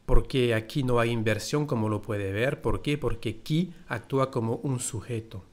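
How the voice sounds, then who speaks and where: A man's voice: mid-range voice, moderate pace. A man with a French accent teaching a language lesson, explaining carefully and reading out French example phrases.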